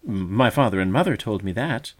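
A man voicing an innocent young male sedge warbler, earnest and high-pitched. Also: lively intonation, normal speed. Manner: earnest and trusting.

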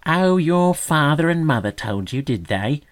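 A man's voice: mid-range voice, animated, normal speed, voice pushed up, natural voice. A man voicing a conceited older male magpie who mocks with fake solemnity, raised and pointed. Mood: mocking. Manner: sneering mock solemnity.

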